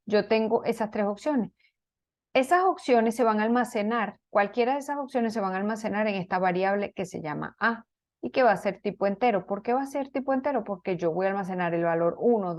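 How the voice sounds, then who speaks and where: Woman, programming teacher, step-by-step explanations, frequent check-in questions. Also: mid-range voice. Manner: explains step by step, many fillers and restarts, asks "¿ok?". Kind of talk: online class lecture.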